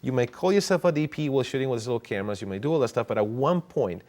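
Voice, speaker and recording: A man, a cinematographer guest chatting casually in an interview, animated and often restarting and repeating words. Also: medium pitch, racing.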